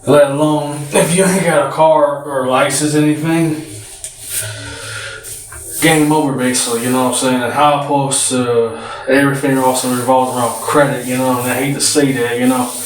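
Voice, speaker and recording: A man's voice: mid-range voice, steady tone, a little fast. Breathless man rambling from a distance. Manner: rambling, frequent "you know what I'm saying". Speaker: vlogger. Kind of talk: casual talk to camera. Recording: roomy sound, mic at a distance, faint noise.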